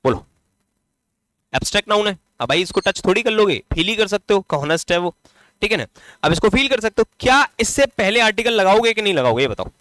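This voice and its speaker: A man with a Hindi accent delivers a grammar lecture in a fairly high voice, firing questions at his class and supplying the answers himself. He slows down and stretches words while writing examples out. The sound is dry and close, with no room echo. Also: big pitch swings, a bit bright. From India. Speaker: English grammar teacher.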